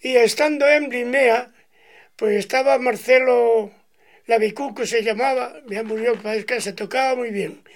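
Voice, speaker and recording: Speaking unhurriedly in an extremely high, steady voice, this Asturian man in his nineties is a bagpiper recounting his life to an interviewer. His oral-history tales wander and ramble in a folksy way, and he performs the voices of his characters.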